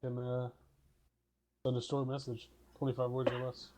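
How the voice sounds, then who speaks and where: A man's voice: mid-range voice, monotone, normal speed, background noise. Guy in a tabletop session, lots of ums, teasing and playful. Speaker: player. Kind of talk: casual tabletop game chat.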